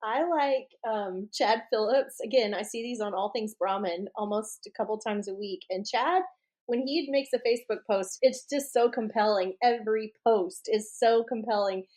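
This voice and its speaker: A woman co-hosting a podcast, chatty and quick to laugh. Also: medium pitch, a little mellow. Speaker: podcast co-host. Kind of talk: casual chat.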